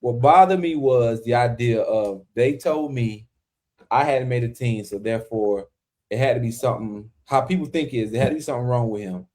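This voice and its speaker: Animated former football player man. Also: mid-range voice, normal speed. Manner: animated storytelling with emphatic outbursts. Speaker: podcast co-host, former pro football player. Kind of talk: casual chat.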